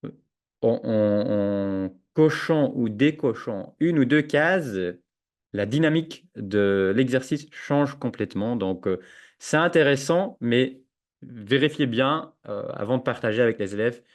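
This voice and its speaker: A man giving a screen-share software tutorial to teachers, hesitant with many fillers and restarts, on a computer microphone. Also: mid-range voice, expressive, unhurried. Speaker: educational software trainer. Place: at a computer, webinar with chat. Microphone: own computer microphone with noise suppression.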